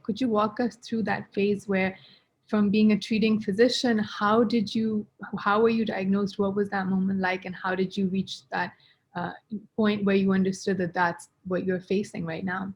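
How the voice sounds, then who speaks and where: A woman hosts a webinar over a video call, reading a polite scripted introduction and then asking interview questions with a few fillers. Her voice sits at medium pitch, with a flat delivery and a moderate pace.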